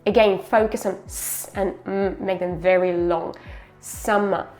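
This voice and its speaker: A woman pronunciation teacher giving a slow, careful lesson. She says each word twice, then explains where to put the tongue and jaw. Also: lowish voice, steady tone, a little mellow, faint music behind.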